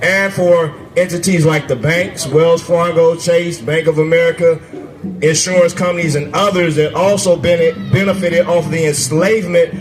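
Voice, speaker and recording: A man running for office giving a conversational, forceful stump speech to a crowd at an outdoor festival. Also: on the high side, steady tone, moderate pace, poor audio. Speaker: candidate for state assembly. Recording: music playing behind the speaker.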